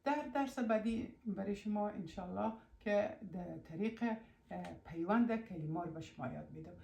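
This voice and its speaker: A woman with an Afghan Dari accent teaching a language lesson, patiently asking questions, answering them herself and repeating words slowly. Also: mid-range voice, vocal fry, a little mellow. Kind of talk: spoken lesson. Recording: roomy echo.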